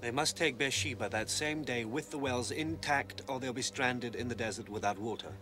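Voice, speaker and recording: An actor playing a calm, fatherly mentor who gives measured, gentle advice. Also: medium pitch, music in the background, lightly acted.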